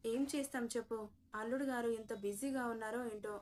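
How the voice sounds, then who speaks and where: A woman voicing a gentle consoling mother. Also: on the high side, fairly even intonation, brisk, slight background noise, natural voice. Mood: soothing. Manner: soothing, consoling.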